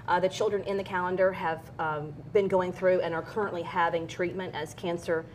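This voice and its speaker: Low-voiced woman giving an earnest interview. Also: fairly even intonation, a little fast, low-quality recording. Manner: earnest, candid storytelling. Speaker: interview guest, photographer. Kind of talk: personal conversational interview. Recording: clear background noise with low rumble.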